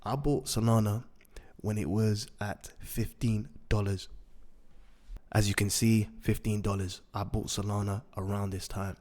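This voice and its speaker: A man with a raspy voice hosting a market update, repeating and rephrasing his points for emphasis. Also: on the low side, steady tone, measured pace, darkish tone. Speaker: host of a daily crypto news show.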